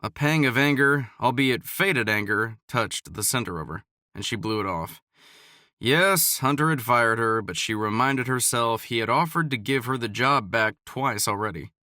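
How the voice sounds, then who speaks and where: A man calmly narrating a romance audiobook in scripted narration. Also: mid-range voice, moderate pace, dry recording, studio quality.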